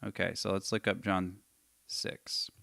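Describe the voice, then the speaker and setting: Low-voiced man chatting and reading aloud. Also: little pitch movement, unhurried, vocal fry, pushed and bright, no echo, clean studio sound. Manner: casual, thinking aloud, reads verses with emphasis. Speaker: host answering viewer questions. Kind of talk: live Q&A with scripture reading.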